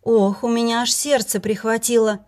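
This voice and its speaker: A woman's voice: on the high side, level tone, normal speed, darkish tone. Woman reading a fantasy novel aloud. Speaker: audiobook narrator. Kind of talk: first-person storybook narration.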